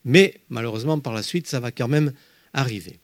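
A man teaching a Bible study, walking listeners through slides with emphatic, lively explanations. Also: medium pitch, a little fast, dry recording, clean studio sound.

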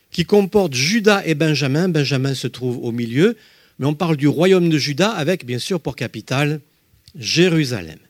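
A man leads a Bible lesson, his voice rising and falling with real animation as he stresses names and dates. He sits a little high for a man, and the sound is close and dry, with no room around it. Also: no echo. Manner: emphatic, lively teaching with spoken asides. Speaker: Bible teacher. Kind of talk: Bible study lesson with slides.

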